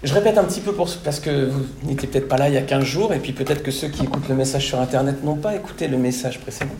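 A man with a medium-pitched, somewhat dark voice preaches fast to his congregation in an echoey church hall, with a little background noise. His sermon is didactic and goes step by step, punctuated by repeated checks of "d'accord?".

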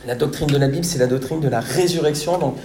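Mellow-voiced man preaching in an echoey hall. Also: mid-range voice, quick pace, a little hiss or hum. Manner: didactic, repeats "d'accord?" to check understanding. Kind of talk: sermon. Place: church hall.

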